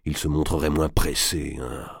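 A man's voice: extremely low pitch, level tone, moderate pace, creaky, slightly rough, dry recording, studio quality, full character voice. A man reading aloud and voicing a scheming middle-aged royal uncle, blustering and pleading. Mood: bitter.

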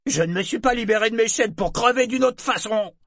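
A man voicing a defiant freed male slave who refuses orders in a loud voice. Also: high voice, a little fast, dry recording, clean studio sound, voice pushed up.

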